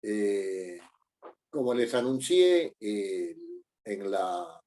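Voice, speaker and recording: A man's voice: fairly low pitch, big pitch swings, drawn-out words, mellow. A middle-aged man teaching a class, explaining patiently with many fillers and tag questions. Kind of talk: online class lecture.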